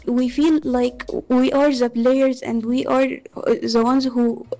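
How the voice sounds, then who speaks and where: Female fan from Egypt, high monotone, earnest and halting. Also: soft background music, poor audio. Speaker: football fan. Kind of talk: recorded testimony.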